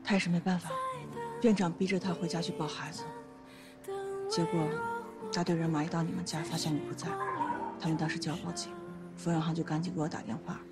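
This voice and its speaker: A loyal best friend, played by a woman in a TV drama. She talks quickly and earnestly at a middling pitch, with music swelling loud behind her. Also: flat delivery, natural voice. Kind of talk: TV drama acting.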